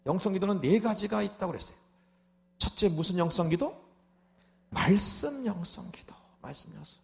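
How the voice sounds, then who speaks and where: A man preaching a sermon as pastor at a revival meeting, animated, with rhetorical asides, who acts out prayers and builds into loud shouted prayer. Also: sits high, normal speed, gravelly.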